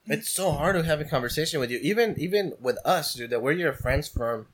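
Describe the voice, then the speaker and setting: A man's voice: a little high, animated, a little fast, breathy edge. A man co-hosting a casual podcast, blunt and profane, saying "dude" a lot as he vents at a friend. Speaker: podcast co-host. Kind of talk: casual chat among friends.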